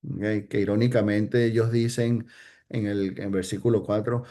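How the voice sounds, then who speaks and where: A man's voice: fairly low pitch, flat delivery, moderate pace, mellow. A man teaching an informal Bible study, hesitant, with many fillers and restarts, often checking in with "ok?".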